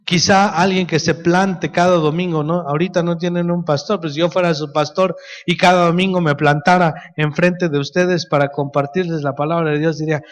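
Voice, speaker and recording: A man's voice: fairly high pitch, steady tone, brisk. A middle-aged man with a Mexican Spanish accent, a pastor preaching a sermon, telling stories and addressing the congregation as brothers.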